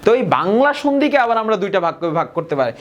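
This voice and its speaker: A young man from Bangladesh, teaching a grammar lesson and often repeating key points and slowing down on example words. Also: high voice, sing-song. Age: young adult. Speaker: tutor.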